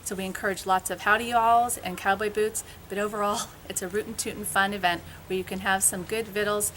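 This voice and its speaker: Woman event co-chair, mid pitch, friendly read, faint noise. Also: steady tone, a little fast, fairly bright tone. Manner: friendly, reads from a script. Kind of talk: scripted announcement.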